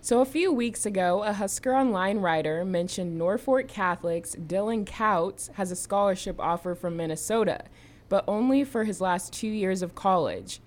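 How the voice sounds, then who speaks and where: A woman reading listener questions aloud on a sports talk show in an even manner. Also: medium pitch, normal speed. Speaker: question reader.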